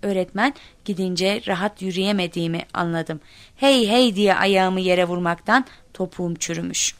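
Lively woman storyteller, dry close sound. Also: lowish voice, normal speed, no room sound. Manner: lively, acts out quoted shouts. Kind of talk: expressive storytelling narration.

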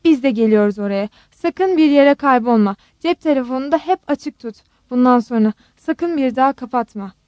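A woman voicing a panicked middle-aged mother who sobs and scolds in a shrill voice. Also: animated, normal speed, no room sound. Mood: shouting.

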